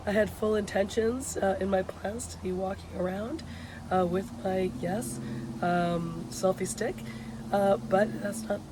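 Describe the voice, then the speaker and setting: Out on a patio, a university education instructor records an informal video blog of course announcements for her students. Her hoarse, sick voice is medium-pitched and fairly even, and she speaks hesitantly with pauses. Loud vehicle noise fills the background.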